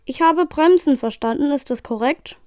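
A woman voicing an overly calm, polite ship computer in a read-aloud story. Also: high voice, no room sound, clean studio sound, lightly acted. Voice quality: too calm, measured.

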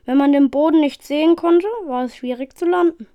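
Woman, reading a novel aloud, steady, high voice, dry. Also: brisk, dry recording, muffled recording. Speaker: reader.

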